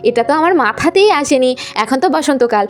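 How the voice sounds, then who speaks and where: A woman's voice: high voice, animated, fast. A woman voicing a worried young woman who frets over her tree and scolds herself. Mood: fretful. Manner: fretful, self-scolding. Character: worried young woman gardener, self-mocking.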